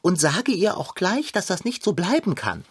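A woman's voice: lowish voice, very animated, normal speed, slightly rough. A woman voicing a fussy, dramatic male pirate tomcat in a children's audio play, talking in a pompous, indignant way. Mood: suspicious.

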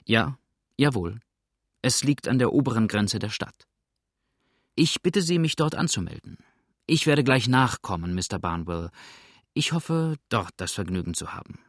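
A man's voice: fairly low pitch, lively intonation, measured pace, long pauses, dry recording, studio quality. A man voicing a cocky male criminal who stammers when caught off guard and then turns brusque and impatient. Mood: evasive.

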